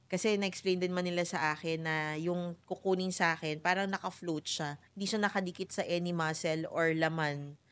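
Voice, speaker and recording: A middle-aged woman telling her own story as a guest in a talk show interview, soft-spoken and reflective, switching into English now and then. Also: lowish voice, steady tone, normal speed. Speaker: interview guest, cancer survivor.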